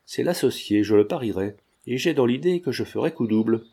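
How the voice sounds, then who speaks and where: A man reading the part of a sly old man who pretends to be deaf and talks in a lowered, scheming way. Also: animated, fairly quick, vocal fry, warm tone, husky. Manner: lowered, conspiratorial speech.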